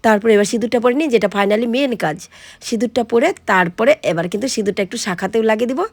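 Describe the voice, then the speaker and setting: A hoarse woman chatting to her viewers in a casual home vlog while she gets ready. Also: on the high side, quick pace, no room sound. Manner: chatty, addresses viewers directly. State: hoarse, sore throat. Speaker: vlogger.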